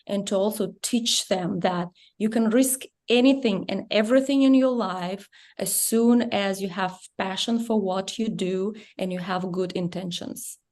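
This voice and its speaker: A middle-aged woman with a Russian accent tells her personal story as an interview guest. Her English is earnest and a little halting. Her voice sits at an ordinary middle pitch. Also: darkish tone. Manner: earnest, halting non-native phrasing.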